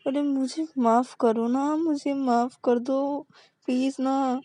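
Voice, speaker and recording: A woman's voice: sits high, steady tone, slow pace, mellow, no room sound, pitched above the performer's own voice. A woman voicing a stammering young woman in love. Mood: pleading. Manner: stammering, repeats words, begging.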